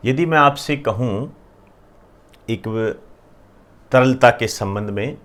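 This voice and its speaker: Slow, deliberate male teacher. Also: mid-range voice, a bit bright. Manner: slow, repetitive, often checks with "clear?". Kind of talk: classroom lecture.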